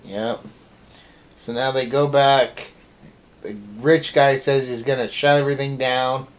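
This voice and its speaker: A woman with a strikingly low voice recaps a film plot in easy, casual chat. She keeps asking her co-host what happens next. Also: fairly even intonation, measured pace. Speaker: co-reviewer. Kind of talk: casual movie review chat.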